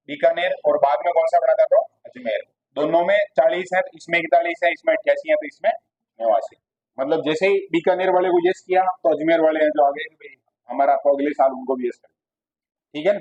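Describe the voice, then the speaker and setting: A man's voice: fairly high pitch, a little mellow. Male teacher, quizzing students. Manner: asks students questions and answers them himself. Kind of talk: classroom lecture. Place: classroom with students. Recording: dull lo-fi classroom recording.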